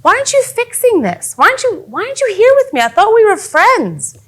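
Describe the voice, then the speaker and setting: A woman's voice: huge pitch swings, fairly quick, exaggerated voice. A woman voicing a sick, desperate man who pleads with an absent friend. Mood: pleading. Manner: pleading, high and strained.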